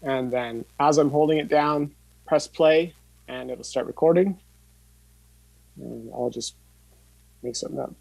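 With long pauses, vocal fry, and an unhurried delivery, a man in his thirties casually talks through a hands-on tutorial, thinking aloud as he demonstrates. His medium-pitched voice is darkish and slightly rough, on poor audio from an indoor home studio with tape gear.

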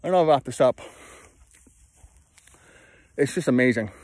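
A man in his thirties walking outdoors, talking to a phone held at arm's length in a halting, self-deprecating way, sweaty from hiking. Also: medium pitch, animated, darkish tone, no echo. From California, USA. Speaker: travel vlogger. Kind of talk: rambling walk-and-talk vlog. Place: outdoors on open hills.

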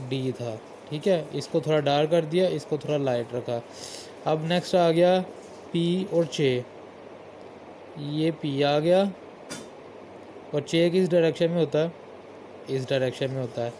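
Slow, patient man teaching shorthand strokes. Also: on the high side, a little mellow, a little hiss or hum. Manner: slow, patient, repeats each stroke aloud. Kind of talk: step-by-step lesson while writing.

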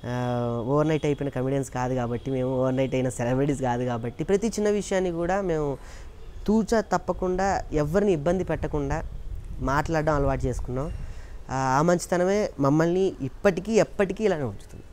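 A man's voice: on the high side, fairly quick, slight background noise. A man being interviewed about his career as a mimicry artist, telling stories earnestly and acting out the voices of the people he quotes. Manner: earnest, animated storytelling that acts out quoted voices. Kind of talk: casual interview talk.

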